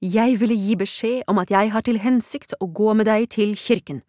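A woman's voice: medium pitch, mellow, dry recording, lightly acted. Fussy, agitated old man in a storybook, put on by a woman, hissing and fretting in a dry, close sound. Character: fussy, excitable old male cousin.

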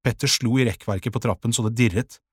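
A man narrating a children's audiobook in a calm, measured way, with a husky voice. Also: mid-range voice, no room sound, clean studio sound.

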